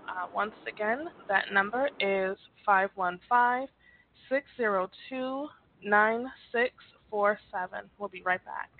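A woman hosting a casual talk show in a conversational style. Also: mid-range voice. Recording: thin phone-like sound, faint noise.

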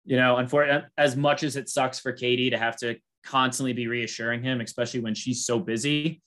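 A man's voice: medium pitch, brisk. Chatty man recapping a show. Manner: rambling, filler-heavy, animated when quoting. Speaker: podcast co-host. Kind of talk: casual chat recapping a reality show.

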